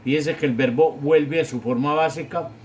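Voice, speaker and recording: A man giving a grammar lesson as a teacher, explaining step by step and often checking with a quick question. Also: fairly high pitch, steady tone, slight background noise. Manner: slow, patient, checks with "¿sí?". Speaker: English teacher.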